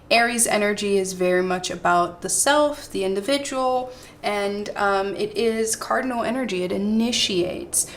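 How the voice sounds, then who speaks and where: A woman's voice: medium pitch, a bit bright. Woman giving a chatty, rambling tarot reading. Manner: digressive, checks in with "right?" and "okay?". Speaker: tarot reader. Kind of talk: pick-a-card tarot reading monologue.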